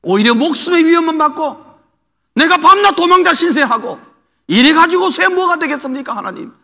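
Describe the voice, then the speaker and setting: A weary prophet pleading, as a preacher puts him on. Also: male voice, very high-pitched, lively intonation, a little fast, creaky, sharp tone, voice pushed up, full character voice. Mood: pleading lament. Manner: pleading, complaining to God. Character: weary despairing prophet, adult man, lamenting. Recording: echoey hall with long reverb.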